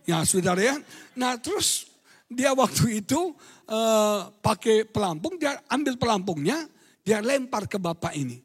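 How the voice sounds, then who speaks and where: A male pastor preaching a sermon in an animated style, moving from quiet storytelling to shouted emphasis. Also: sits high, a little slow, slightly rough, in a large hall.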